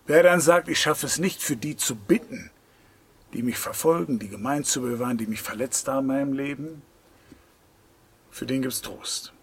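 A man preaching a sermon in an earnest, insistent way, swinging between loud emphatic lines and hushed near-whispers. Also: medium pitch, moderate pace, breathy edge.

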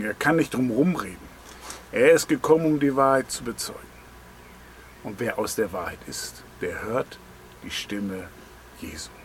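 A man's voice: mid-range voice, slight background noise. A man preaching a devotional sermon, earnest and direct, asking the listener pointed questions. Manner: pointed, emphatic phrasing. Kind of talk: devotional sermon on a Bible verse.

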